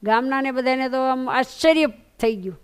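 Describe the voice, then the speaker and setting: Woman preacher, Saurashtra Gujarati accent, folksy devotional storytelling, smooth resonant voice. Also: sits high, moderate pace. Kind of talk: sermon storytelling.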